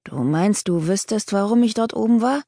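A woman voicing a male shepherd who sounds gruff and tries to hide his fear, in an audiobook reading. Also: mid-range voice, normal speed, mellow, no echo, studio quality. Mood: uneasy. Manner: gruff, trying to sound brave. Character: nervous male shepherd, gruff but timid.

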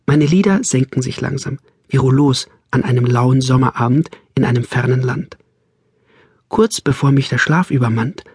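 A man narrating a novel in a calm, measured storytelling manner, close on a studio mic. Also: mid-range voice, slightly rough, no room sound. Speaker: audiobook narrator. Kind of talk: scripted narration.

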